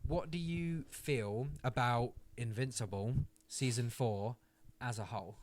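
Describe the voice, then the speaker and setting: A man in easy, loose conversation, talking with a voice of ordinary middle pitch. He gets excitable and swears freely, acting out scenes in quick quoted bits. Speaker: podcast co-host. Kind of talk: casual chat.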